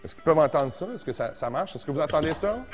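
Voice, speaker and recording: A man in his forties with a Québécois accent, teaching a casual songwriting workshop, joking and animated, tossing in English words. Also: on the high side, fast talker, big-room sound, soft background music. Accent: Québécois French. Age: 40s.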